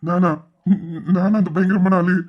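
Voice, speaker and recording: A man's voice: high voice, level tone, measured pace, dull audio. A man playing a teasing young husband in an audio drama, mock-stern and scolding. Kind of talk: Tamil audio drama acting.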